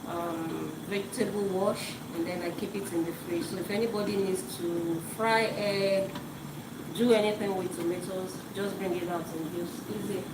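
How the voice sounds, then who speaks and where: This live cooking stream features a Yoruba-speaking woman chatting while she cooks at home, her voice on the low side, her tone steady and her speed normal. She tends to repeat words, and loud noise echoes around the kitchen.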